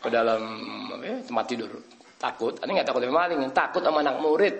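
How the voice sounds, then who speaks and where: A man's voice: medium pitch, fast talker. A middle-aged man tells a story in a sermon, laughing often and acting out the people in it. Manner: animated, switches into voices of people in his story; laughs often, mixes Arabic-derived words. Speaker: preacher.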